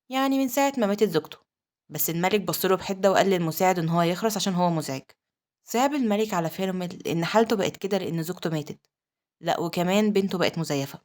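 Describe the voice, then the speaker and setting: A woman with an Egyptian Arabic accent narrating a manhwa recap, telling the story quickly and reading quoted lines plainly. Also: fairly low pitch, darkish tone.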